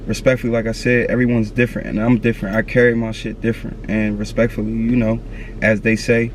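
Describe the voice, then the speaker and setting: Outdoors, a vlogger in his thirties gives a candid motivational talk to camera, earnest and slangy, repeating his advice. His voice is mid-range, and a little hiss or hum is present.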